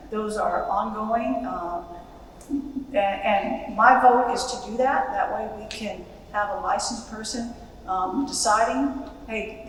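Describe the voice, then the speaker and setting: An American woman speaking as a police official, giving a public presentation to an audience. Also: medium pitch. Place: large reverberant event room. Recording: very echoey hall, distant, faint noise.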